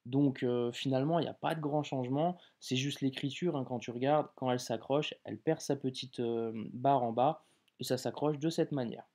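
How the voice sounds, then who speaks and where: A man teaching how to read letters, talking casually and directly to the viewer and stretching out example words slowly. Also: mid-range voice, fairly even intonation, dark tone. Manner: informal, addresses viewer as tu, drawn-out example words. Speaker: Arabic reading teacher. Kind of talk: casual video lesson.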